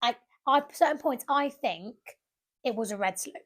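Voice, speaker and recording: A woman's voice: on the high side, moderate pace, a bit bright. A young woman, co-hosting a podcast and telling a story with lots of acted-out quotes. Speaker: podcast co-host. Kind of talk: casual chat.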